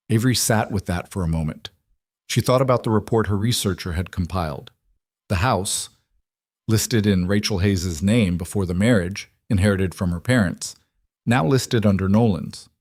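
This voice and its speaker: A man reading a scripted story aloud in a calm, even narrating voice. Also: fairly low pitch, no echo, studio quality.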